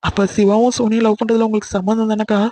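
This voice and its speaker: A voice actor performs a bold younger aunt in an animated family drama. She talks quickly, pleading and reassuring by turns, in a mid-pitched voice. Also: lightly acted. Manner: coaxing and pleading. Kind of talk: Tamil cartoon voice acting.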